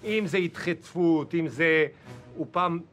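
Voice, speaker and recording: A man's voice: on the high side, soft background music. A male comedian telling an army anecdote and acting out the quotes. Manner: lively, acts out quotes. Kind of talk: storytelling.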